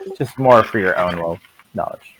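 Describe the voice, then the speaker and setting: A man's voice: low-pitched, brisk, a bit bright, a little hiss or hum, poor audio. A man acting as game master, narrating a tabletop game casually and playfully, with swearing and sound effects.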